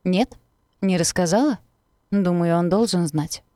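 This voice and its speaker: A woman's voice: lowish voice, a little slow, mellow, no echo, clean studio sound, lightly acted. A woman reading a cruel taunting teenage boy. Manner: taunting, venomous.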